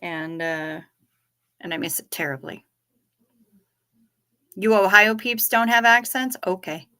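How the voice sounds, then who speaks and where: A woman's voice: mid-range voice, slow pace, sharp tone, clear, resonant tone. A woman livestreaming casual chat, from northern Minnesota, with a mixed East Coast and Southern accent, chatty and casually profane. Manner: chatty, swears casually, repeats what others say. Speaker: livestream host.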